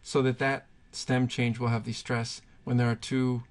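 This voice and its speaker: A man's voice: medium pitch, little pitch movement, moderate pace. A man teaching Spanish verb conjugations, patiently thinking aloud and pointing things out as he writes. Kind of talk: explaining grammar at a whiteboard.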